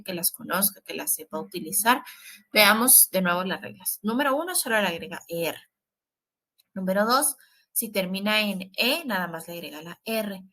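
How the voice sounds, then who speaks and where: A woman's voice: mid-range voice, pushed and bright. A woman teaching an English grammar lesson, patient and repetitive, often checking in with listeners as she explains each rule. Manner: patient, repetitive, stresses warnings with frequent "¿sí?" check-ins.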